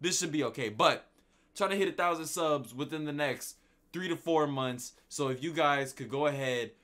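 A man's voice: a little high, moderate pace, fairly bright tone. A man giving slangy, laid-back reaction commentary as a streamer, talking at the screen.

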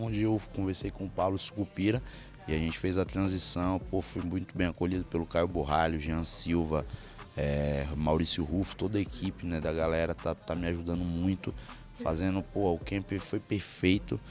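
Speaking into a handheld mic held by an interviewer, a young MMA fighter from Bahia, Brazil, chats casually in front of a press backdrop. His voice is low with fairly even intonation at a moderate pace, and soft music plays behind him. He sounds confident, hyping himself up.

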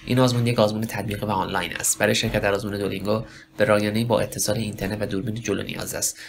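A man teaching a spoken lesson for test preparation, talking slowly in broken phrases and asking himself questions. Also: lowish voice, level tone, creaky, slight background noise. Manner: slow, halting delivery with many pauses and self-questions. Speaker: English test prep teacher.

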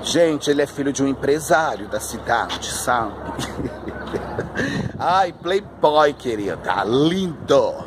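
A man's voice: mid-range voice, very animated, slow, hardly any pauses. A flamboyant, chatty man telling a story outdoors on a street, recorded on a handheld phone. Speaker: vlogger. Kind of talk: casual storytelling vlog while walking. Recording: street noise behind.

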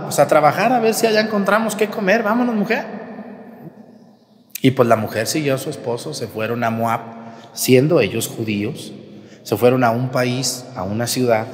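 A man, a priest, giving a lively homily, retelling a Bible story and asking his listeners questions. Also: on the low side, long reverb tail.

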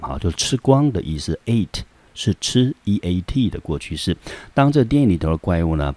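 Deep-voiced Taiwanese teacher explaining vocabulary. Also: male voice, a little mellow, no echo. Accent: Taiwanese Mandarin. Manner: asks and answers his own questions, frequent "好" fillers. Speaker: English teacher. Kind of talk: classroom vocabulary lesson.

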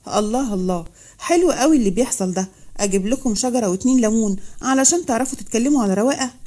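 A woman's voice: a little high, animated, rapid-fire, warm tone. A woman with an Egyptian accent voicing a stern, jealous male army officer who talks in curt warnings. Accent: Egyptian Arabic.

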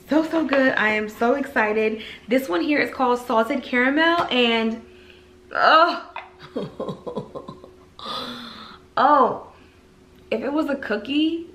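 A woman's voice: a little high, a bit bright, slight background noise. A young woman in her twenties, showing off and gushing over candles in a casual home haul video. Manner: gushing, enthusiastic. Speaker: beauty vlogger. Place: living room at home.

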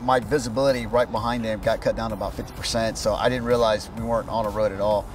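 A middle-aged male police officer recounting an incident to camera in formal, halting police wording, outdoors. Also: on the low side, fairly even intonation, recorded from a distance, music in the background. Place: outdoors at night by a patrol car.

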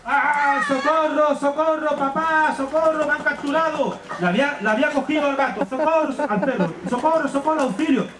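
A man doing a frightened young dog crying for help, high and shrill. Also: lively intonation, brisk, few pauses. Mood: panicked pleading. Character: young male dog thief, frightened and pleading. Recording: echoey room from a distance, crowd behind.

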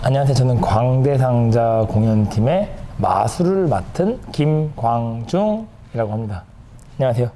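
A man's voice: medium pitch, animated, a little slow, hardly any pauses. A man who works as a magician, talking in an interview. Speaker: magician in a performance troupe. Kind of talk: interview answers. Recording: faint background noise.

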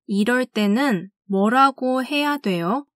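A woman teaching language, reading classroom phrases slowly and carefully and saying each one twice. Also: fairly high pitch, lively intonation, no echo, clean studio sound. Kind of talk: scripted phrase drill.

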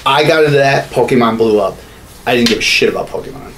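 Speaking fast and animatedly at a medium pitch, a man in his thirties co-hosts a podcast, casually airing blunt opinions full of swearing, with a crowd audible behind him. He sits in a small home studio at a podcast mic on a desk boom arm, and the background noise comes through clearly.

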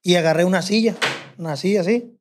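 A man's voice: high-pitched, quick pace. A man with a Sinaloan Mexican accent, a podcast guest telling a long story in a rambling, profane way and quoting what people said. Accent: Sinaloan Mexican Spanish. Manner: rambling, profane, quotes himself and others. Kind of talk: casual storytelling.

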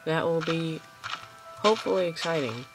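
Gravelly, rambling gameplay host. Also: medium pitch, normal speed, music in the background, rough recording. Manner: chatty, rambling, talks to viewers. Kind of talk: casual gameplay commentary. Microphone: phone camera pointed at a screen.

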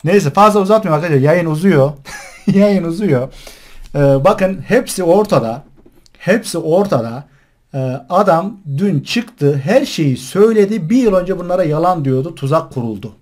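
A man's voice: a little high, lively intonation, normal speed, darkish tone. A male online host mocking and scolding someone while commenting on a recording he plays. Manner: mocking, scornful and indignant.

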